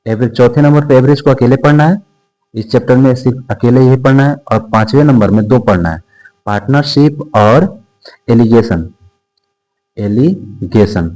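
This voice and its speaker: Man, math teacher, exam-prep lesson, repeats terms, answers his own questions, mid-pitched voice. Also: a little mellow, low-quality recording.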